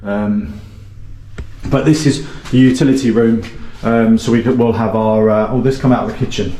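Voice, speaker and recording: His voice is fairly low, steady and warm, moving at a normal speed. He runs a renovation channel and is casually touring a small, gutted cottage, stumbling over ums and correcting himself often. The empty rooms give the recording an echo.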